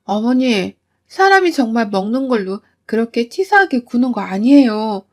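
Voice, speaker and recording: A woman's voice: a little high, big pitch swings, moderate pace. A woman voicing her younger self as an angry wife, talking back sharply and raising her voice. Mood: furious. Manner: sharp, defiant, shouting. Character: furious fed-up young wife.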